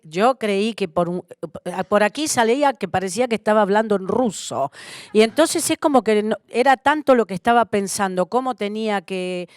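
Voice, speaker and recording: A woman's voice: mid-range voice, clear, resonant tone, no echo, studio quality. A woman from Argentina, a musical theatre actress speaking to students on a panel, reflective and full of fillers. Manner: reflective, with many fillers and tag questions.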